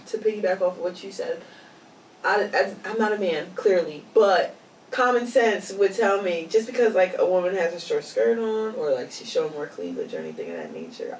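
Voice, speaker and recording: Young woman podcast co-host, lively casual talk, off-mic in a roomy space. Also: lowish voice, a little hiss or hum. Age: 20s. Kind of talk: casual chat. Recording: echoey room, mic at a distance.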